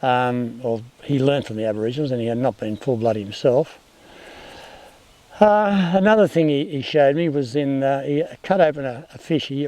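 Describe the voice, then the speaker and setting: An older man with an Australian accent reminisces about bush life in a laconic, halting outback drawl, telling it unscripted like a yarn. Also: mid-range voice, mellow, no echo. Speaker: former outback station worker telling bush yarns.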